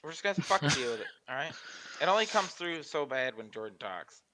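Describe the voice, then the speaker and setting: A man's voice: a little high, sing-song, fairly quick, a crowd in the background. A man hosting a casual podcast with friends, laid-back and joking. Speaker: podcast host. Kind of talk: casual group chat on a voice call.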